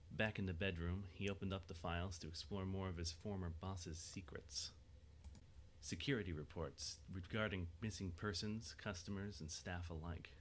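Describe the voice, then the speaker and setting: Reading from a script, a man with a low voice narrates a story as the narrator of an audio drama. Faint noise can be heard in the recording.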